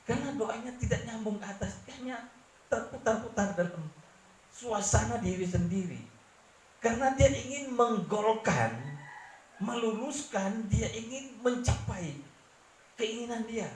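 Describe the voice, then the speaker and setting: Earnest Manado pastor in an echoing church. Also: male voice, lively intonation, a little slow, slight background noise. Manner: earnest preaching, sweeping from low confiding tones to raised emphatic ones. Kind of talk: sermon. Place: church hall. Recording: roomy church echo, faint ambience.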